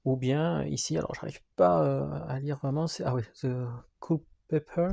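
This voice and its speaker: A man's voice: a little high, fairly even intonation, moderate pace, creaky, dark tone. A man walking through the rules of a wargame, talking hesitantly with frequent fillers as he handles the pieces. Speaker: board game presenter.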